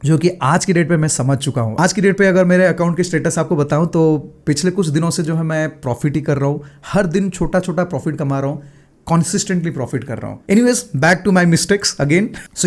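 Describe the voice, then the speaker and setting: Casual male vlogger, thirties, high voice, loose talk full of fillers. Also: darkish tone. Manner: chatty, Hindi-English mix, frequent fillers. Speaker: day trader sharing his mistakes.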